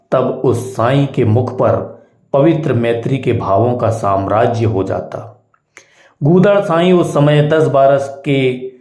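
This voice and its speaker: A man narrating a classic short story in a calm, measured storybook reading. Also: mid-range voice. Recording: echoey room.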